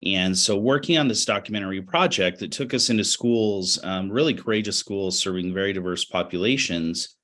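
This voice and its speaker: A middle-aged American man from Utah, an education professional, reflects on his work as a webinar interview guest. He chooses his words in a measured, halting and earnest way. He has a cold, so his low-pitched but fairly bright voice sounds a little raspy.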